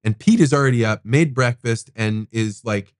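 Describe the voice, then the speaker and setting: A man's voice: mid-range voice, moderate pace, dry recording. Man telling a story in a dry studio. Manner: animated, swears casually, acts out quoted people. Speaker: podcast host. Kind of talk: casual storytelling in a podcast interview.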